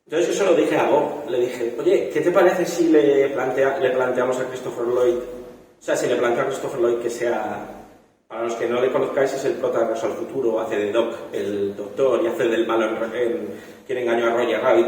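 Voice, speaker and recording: Young adult Spanish director, animated storyteller, heard from across a reverberant hall. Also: male voice, medium pitch, a little hiss or hum. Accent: Spain. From Spain. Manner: animated storytelling, acting out quoted voices. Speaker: film director. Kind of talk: festival talk. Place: large echoey hall. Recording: echoey hall from far off.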